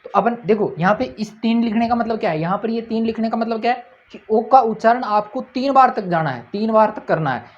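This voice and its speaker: A man's voice: high voice, animated, fairly quick, highs cut off. A man teaching a grammar lesson at a board. He keeps asking his own questions, answers them, and repeats each point.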